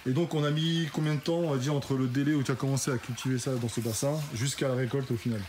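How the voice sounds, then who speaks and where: A man's voice: medium pitch, steady tone, fast talker, crowd noise. A man interviewing a farmer for a fitness channel, chatty and encouraging, thinking aloud as he goes. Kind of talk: casual interview. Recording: noisy ambient background.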